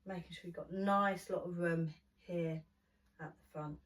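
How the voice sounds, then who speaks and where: A woman leading a gentle prenatal yoga class, guiding slowly and soothingly, at times dropping almost to a whisper. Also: fairly low pitch, steady tone. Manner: slow, soothing instruction, softening to near whisper. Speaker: yoga teacher. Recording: voice from a distance off the mic.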